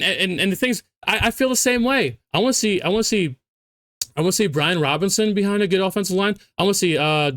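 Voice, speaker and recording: A man's voice: high-pitched, a bit bright, no echo, clean studio sound. A drunk man on a heated, profane sports rant as a fan, hammering points home by repeating his phrases. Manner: emphatic, repeats phrases for stress.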